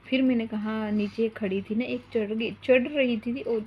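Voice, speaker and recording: A woman's voice: on the high side, fairly even intonation, moderate pace, lo-fi sound, a little hiss or hum. A young woman telling a long, rambling story at home in a casual vlog, stopping now and then to coax her small child. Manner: chatty, rambling, breaks off to coax her toddler. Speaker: mom vlogger.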